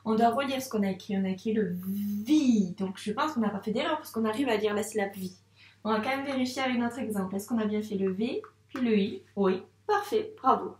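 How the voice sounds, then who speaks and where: A woman's voice: medium pitch, lively intonation, a little mellow, echoey room, distant mic. Patient woman teaching children handwriting. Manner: slow, patient, encouraging, addresses the child directly. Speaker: first-grade teacher. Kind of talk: handwriting lesson for young children.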